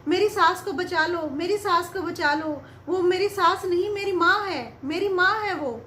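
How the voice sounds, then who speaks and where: An earnest young daughter-in-law from a told story, talking in an affectionate, pleading way, as a woman narrator acts her out. Her voice is very high, with a roomy echo around it. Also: a little slow, pushed and bright, a little hiss or hum, full character voice.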